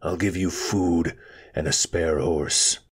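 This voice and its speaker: A man voicing a wounded, sharp-witted lord who speaks in a measured, faintly mocking way. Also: low voice, steady tone, slightly rough, full character voice. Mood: wry calm. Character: wounded, cruel-mouthed lord, a sharp and wry strategist.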